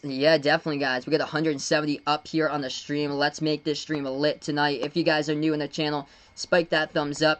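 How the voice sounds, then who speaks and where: A young man from Massachusetts streaming live basketball play-by-play. He speeds into excited calls of the action between relaxed chats with viewers. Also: a little high. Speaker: live-stream sports commentator. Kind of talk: live play-by-play with chat shout-outs.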